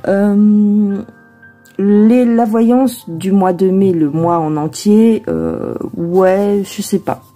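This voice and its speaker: A woman's voice: medium pitch, fairly even intonation, extremely slow, warm tone, soft background music. A woman tarot reader chatting casually before a reading, rambling with many hesitations and asides to herself.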